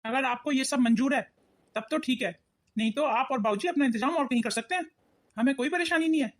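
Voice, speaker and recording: A woman's voice: sits high, brisk, slight background noise, lightly acted. A woman voicing a grown son in a cartoon, coldly firm toward his mother. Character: cold grown son siding with wife. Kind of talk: cartoon voice acting.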